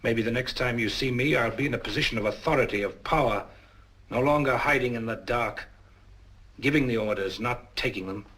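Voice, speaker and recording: A man's voice: mid-range voice, fairly quick, a bit bright. A man playing a brooding villain who dreams of power, grandiose in 1940s film acting. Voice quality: husky, grandiose.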